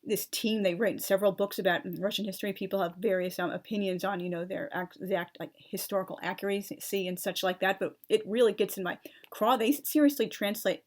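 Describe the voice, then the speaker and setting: A woman's voice: medium pitch, steady tone, fairly quick, few pauses, darkish tone. A woman talking through a casual, opinionated monologue, chatty and exasperated in places, with frequent fillers and restarts. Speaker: channel host.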